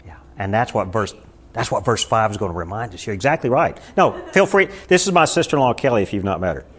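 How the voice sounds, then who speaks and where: Fast-talking and animated, the pastor has a fairly low yet slightly bright voice. In a church room with a small Bible study group, he delivers a conversational sermon, repeatedly posing rhetorical questions to those gathered.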